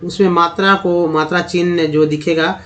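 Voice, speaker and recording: A man's voice: high-pitched, fairly even intonation, normal speed, a bit bright, rough recording. A man teaching English reading and vowel sounds, addressing viewers as friends and asking and answering his own questions. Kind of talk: explanatory lesson.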